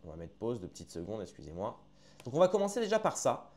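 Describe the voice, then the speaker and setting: A man's voice: medium pitch, wildly swooping pitch, quick pace, a little mellow. Chatty man commenting casually to viewers. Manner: chatty, addresses viewers as friends, hesitant with restarts. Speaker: online commentator.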